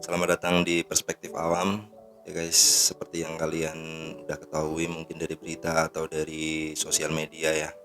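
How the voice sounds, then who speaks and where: A man's voice: very deep voice, monotone, normal speed. A man in his thirties hosting a casual commentary on news, indignant and rambling with fillers. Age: 30s. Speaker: host.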